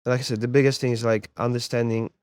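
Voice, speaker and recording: This interview guest is a Polish-born young man, a sports therapist and MMA coach, who talks easily and casually and tends to repeat words as he thinks. He speaks quickly in a smooth mid-range voice, recorded dry.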